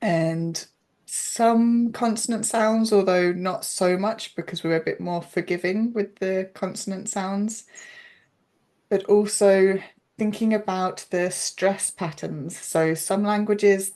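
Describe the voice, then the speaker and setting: Appearing as a guest in a relaxed interview, a pronunciation coach talks at length and thoughtfully about how she teaches. She speaks slowly in a steady, mid-range voice with a slightly mellow quality.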